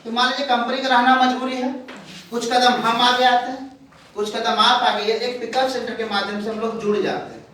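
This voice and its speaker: A man's voice: extremely high pitch, level tone, normal speed, sharp tone, a little hiss or hum. A man presenting a sales seminar to an audience. He calls his listeners "sir" again and again and keeps asking them questions. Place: large echoing room with an audience. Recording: very echoey room, voice far from the mic.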